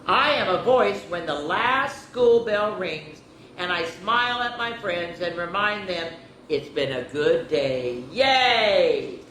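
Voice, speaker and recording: Reading a picture book to children with occasional asides, this female story-time reader has a fairly low pitch and an unhurried, bright, emphatic, animated style, with some throat clearing. Her recording has roomy echo and faint background noise.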